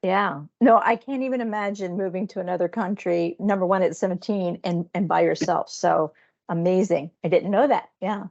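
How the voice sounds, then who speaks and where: A woman's voice: lowish voice, normal speed, a little mellow, muffled recording. A woman interviewing a colleague in an upbeat, encouraging way, with some hesitant fillers. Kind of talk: casual interview conversation.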